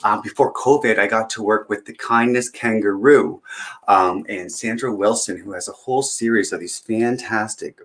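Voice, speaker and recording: As a children's story time host, a man reads a picture book aloud and adds chatty, encouraging asides for young listeners. He speaks at normal speed in a lowish, fairly bright voice.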